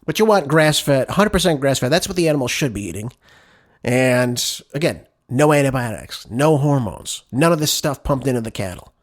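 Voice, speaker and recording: A man's voice: medium pitch, lively intonation, normal speed. A man hosting a political talk show, delivering combative, sarcastic solo commentary and calling his listeners "folks.".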